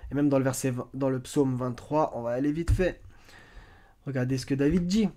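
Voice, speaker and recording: Hesitant man with a mellow voice. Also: mid-range voice, fairly even intonation, a little fast. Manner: hesitant, many fillers and restarts, often asks listeners to question things. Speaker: video commentator. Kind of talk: casual explanatory commentary, reading verses aloud.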